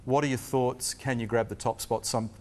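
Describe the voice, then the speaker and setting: A man's voice: medium pitch, steady tone, normal speed, a little hiss or hum. Australian man, tv motorsport host, upbeat joking delivery, faint background ambience. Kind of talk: television interview. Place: racing team workshop.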